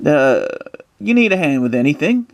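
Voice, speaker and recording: A man voicing a cheery, helpful fellow with a put-on Cockney accent, pitched well above his own voice. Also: sing-song, normal speed, dry recording. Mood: friendly. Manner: friendly, chatty, helpful.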